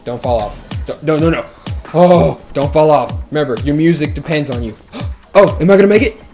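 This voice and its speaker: Young guy narrating his game, a bit high-pitched, yelps and shouts when he messes up, music playing faintly behind. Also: fast. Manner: excitable, talks to himself and viewers, shouts when he falls. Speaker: gaming video host. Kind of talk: casual gameplay commentary.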